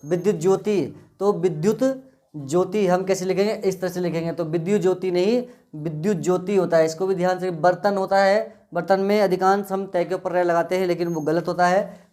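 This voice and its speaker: Flat-voiced male teacher. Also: high voice. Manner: drills words by repeating them, flat and steady. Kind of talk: exam-prep spelling lesson.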